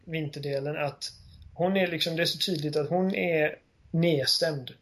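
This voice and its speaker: A man with a slightly high, husky voice talks through a favorite game. He retells scenes eagerly and fills his sentences with hesitations. The tone is loose and conversational. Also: fairly even intonation, fairly bright tone. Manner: enthusiastic, retells scenes with many fillers. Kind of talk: casual game discussion.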